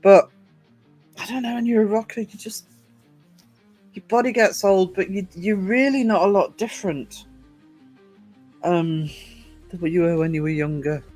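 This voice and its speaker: A woman's voice: medium pitch, moderate pace, pauses often, darkish tone, faint music behind. A woman in her fifties chatting casually with viewers on a livestream, rambling and chuckling often. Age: 50s. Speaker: livestream host.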